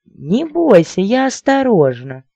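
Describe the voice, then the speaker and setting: A man's voice: sits high, wildly swooping pitch, slow, vocal fry, mellow, dry recording, highs cut off, voice pushed up, exaggerated voice. A man voicing a bossy, amorous woman in her seventies with a thin, squealing voice, for an audiobook. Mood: demanding. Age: 70s.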